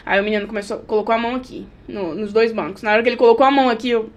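A woman's voice: on the high side, fairly even intonation, racing. A woman who drives for a rideshare app, telling stories from her rides as a guest in casual chat and acting out scenes with sound effects. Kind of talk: casual chat, anecdotal storytelling.

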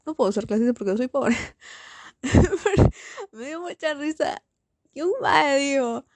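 Una joven con acento costarricense despotrica en un podcast casual, en solitario y con sarcasmo. Su voz es algo aguda, suelta comentarios rápidos al margen, y la grabación suena seca, sin eco. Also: female voice, sits high, animated, darkish tone, no echo. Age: young adult. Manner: sarcastic, rambling, quick asides. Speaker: podcast host. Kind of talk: casual solo podcast rant.

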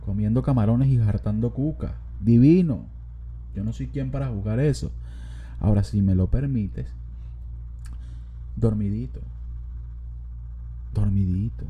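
A man's voice: lowish voice, a little fast, slightly rough, lo-fi sound. A young man with a Venezuelan accent, hosting a podcast in a casual comedic monologue, joking, swearing and rambling as he talks. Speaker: podcast host.

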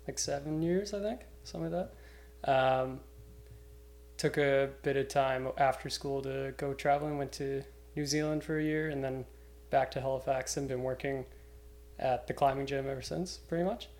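A man's voice: medium pitch, steady tone, moderate pace, creaky, a little mellow. Young guy. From Cape Breton, Canada. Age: young adult. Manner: loose, informal, swears casually. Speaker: podcast guest, climbing route setter. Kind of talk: casual chat.

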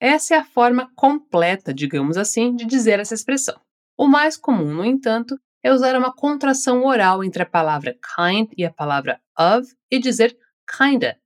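A woman with a Brazilian accent teaching English, giving slow, carefully articulated model phrases for learners to repeat. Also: a little high, animated. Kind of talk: scripted language lesson.

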